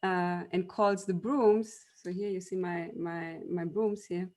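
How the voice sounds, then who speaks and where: Taking it slowly in a lowish, steady, slightly mellow voice, a woman from Germany offers debate panel remarks. A university machine learning lecturer with a German accent, she explains in a storytelling style, often saying um and restarting.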